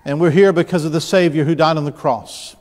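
A man's voice: a little high, steady tone, fairly quick, a little mellow. A man in his fifties from the New Orleans area, preaching a sermon from the pulpit and telling stories in a conversational way, often restarting and asking the congregation questions. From New Orleans area, Louisiana. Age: 50s. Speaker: pastor. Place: church sanctuary, large room. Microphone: pulpit mic, mid-distance camera. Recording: church hall with long reverb.

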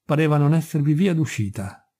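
A man reading a literary novel aloud as an audiobook, in a measured, dramatic storytelling manner. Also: fairly high pitch, animated, dark tone, husky. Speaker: audiobook reader.

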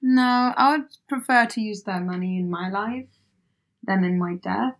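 A woman co-hosting a podcast, chatting in a quick, opinionated, teasing way. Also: mid-range voice. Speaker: podcast co-host. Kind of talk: casual chat.

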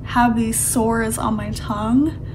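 A woman's voice: fairly high pitch, steady tone, slow, darkish tone, a little hiss or hum, rough recording. A woman vlogger with a slight lisp, chatting candidly in a casual video diary. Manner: candid, chatty, many hedging fillers.

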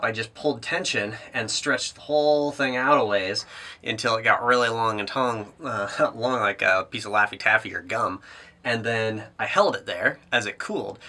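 A man's voice: medium pitch, sharp tone. A man in his thirties casually explaining a build in a small home workshop, talking to a camera with lots of "uh" fillers. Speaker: maker vlogger. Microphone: camera on a tripod, then handheld.

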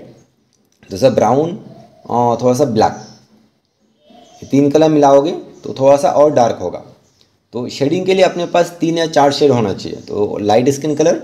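An Indian man with a warm, medium-pitched voice teaches rangoli art in a casual, step-by-step voice-over. He halts and repeats himself as he walks through each stage.

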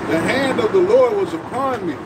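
A man in his forties reading scripture slowly and formally aloud on a city sidewalk at night. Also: high voice, lively intonation. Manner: slow, formal reading of verses. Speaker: scripture reader. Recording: distant voice, loud traffic noise.

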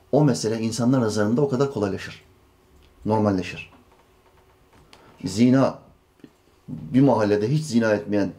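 A male religious teacher explains scripture in an earnest lesson. He uses a warm, mellow mid-range voice and often rises into emphatic rhetorical questions. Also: mid-range voice. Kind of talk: Quran commentary lesson.

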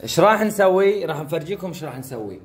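A woman's voice: fairly low pitch, lively intonation, very fast. A woman running a playful game with her kids for a family vlog, bossy and laughing as she instructs them. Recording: echoey room, mic far off, noisy.

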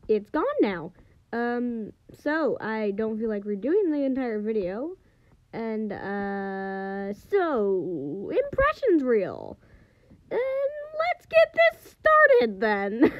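A woman's voice: fairly high pitch, no echo. A woman casually chatting in a vlog while trying out impressions, giggly and unable to stop laughing. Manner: giggly, keeps breaking into laughter. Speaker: YouTuber. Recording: dull lo-fi with faint noise.

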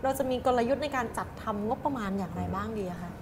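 Thirties woman, TV interview host; brisk questions, lapel mic, background noise. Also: medium pitch. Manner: brief questions and steady back-channel. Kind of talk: studio interview. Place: bright TV studio set.

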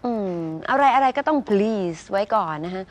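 A woman's voice: medium pitch, expressive, slow. A woman co-hosting a lesson show, chatty and teasing in casual conversation. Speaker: co-host. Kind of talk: casual chat.

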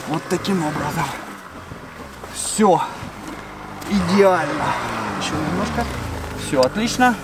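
A man's voice: on the high side, takes it slowly, pauses often. A man casually explaining things on an outdoor vlog in snowy mountains, hot and sweaty from the work. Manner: chatty, explaining hands-on. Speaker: snowmobile vlogger and instructor. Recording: outdoor wind and engine noise.

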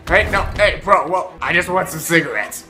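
A man voicing a chain-smoking Batman in a strained, gravelly voice over game music. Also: fairly high pitch, animated, normal speed, bright, forceful tone. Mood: cranky.

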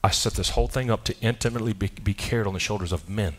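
Man, slightly low voice, animated conversational preacher delivering a sermon, lots of asides and quick restarts. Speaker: pastor. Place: church sanctuary.

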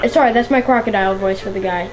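A woman's voice: mid-range voice, very fast. A woman giving casual commentary as she plays a video game. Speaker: let's play gamer. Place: indoors beside a television running a game. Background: video game music.

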